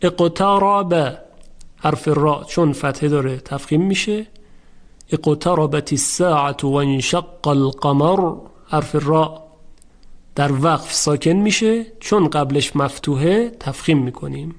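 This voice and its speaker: Male recitation teacher, somewhat high-pitched, measured and patient, slows down to show each word. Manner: measured, repeats words slowly to demonstrate. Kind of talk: recitation lesson, explaining rules and chanting verses.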